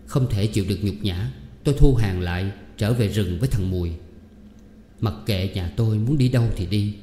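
A man narrates a novel in a steady, measured read, his voice low and mellow. The recording is roomy, with a long reverb tail and faint ambient sound underneath. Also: slight background noise. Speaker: audiobook reader.

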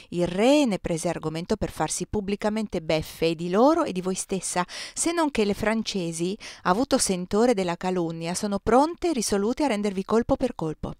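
Cool young heroine, read by a woman; measured, quietly mocking, plain voice. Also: medium pitch, no echo, studio quality, natural voice. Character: composed young woman, coolly scornful toward her superior.

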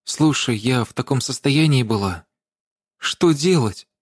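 A man voicing a timid, frightened young woman who speaks shyly and softly. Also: mid-range voice, animated, unhurried, slightly rough, dry recording, clean studio sound. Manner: hushed and shy.

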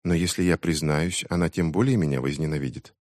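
A man voicing a tired, worried middle-aged mother who speaks in a soft, strained way. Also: rumbling low, fairly quick, no room sound, studio quality.

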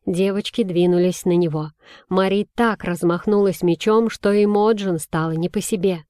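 A woman's voice: mid-range voice, fairly even intonation, moderate pace, mellow, no room sound, clean studio sound. Woman narrating a children's fantasy audiobook. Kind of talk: scripted storybook narration.

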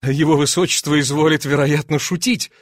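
A man's voice: a little high, fairly even intonation, dry recording, clean studio sound, lightly acted. A man reading an audiobook and voicing a polite, composed fencing master who answers with deference. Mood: measured. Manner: deferential, measured.

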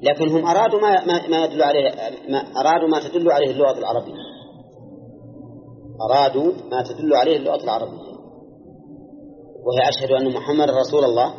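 A man with a Najdi Arabic accent teaching Quran exegesis, explaining slowly and quizzing his students. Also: on the high side. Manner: measured, explanatory, quizzes listeners. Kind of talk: classroom lecture with questions to students. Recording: dull, echoey archival lecture recording.

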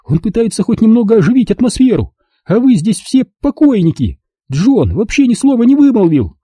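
A man's voice: very high-pitched, very animated, fairly quick, slightly rough, dry recording, studio quality, pitched above the performer's own voice, full character voice. A man voicing a hot-tempered young woman who lashes out defensively at her mother. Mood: angry. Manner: loud, defensive outbursts.

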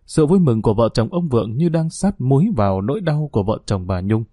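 A man narrating a dramatic audio story in a steady reading voice. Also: mid-range voice, fairly quick, dry recording, clean studio sound.

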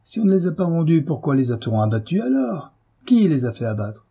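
A man doing a rough, angry husband. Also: on the high side, sing-song, fairly quick, warm tone, pitched above the performer's own voice, heavily acted. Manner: harsh, scolding, raised voice. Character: rude angry domineering husband, middle-aged. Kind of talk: audiobook reading.

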